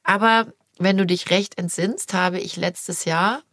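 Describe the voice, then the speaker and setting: A middle-aged woman hosting a podcast, chatting casually and telling animated stories. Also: lowish voice, unhurried, no room sound, studio quality. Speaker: podcast host, mother. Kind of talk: casual chat.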